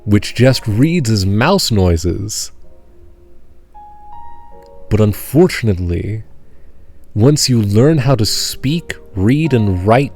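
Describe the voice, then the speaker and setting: A man narrating as game master of a tabletop game, deadpan and slowing down to stress odd details. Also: on the low side, faint music behind.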